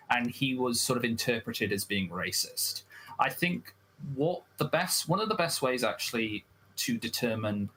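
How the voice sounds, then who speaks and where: A man debating on a livestream, talking in a hesitant, measured way and often restarting his phrases. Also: mid-range voice, a bit bright, slight background noise. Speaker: debate guest.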